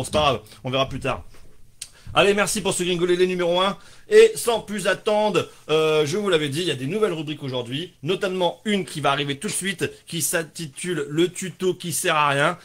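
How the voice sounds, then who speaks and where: A man's voice: fairly high pitch, a bit bright. A man hosting a casual live stream, joking, rambling and swearing offhandedly as he reads out viewers' answers.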